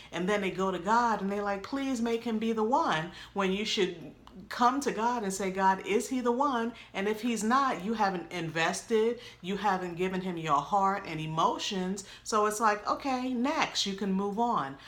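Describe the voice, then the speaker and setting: A woman's voice: mid-range voice, a bit bright. Emphatic middle-aged New woman. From New York. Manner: emphatic storyteller who acts out quoted lines. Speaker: co-pastor. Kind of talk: personal testimony to camera.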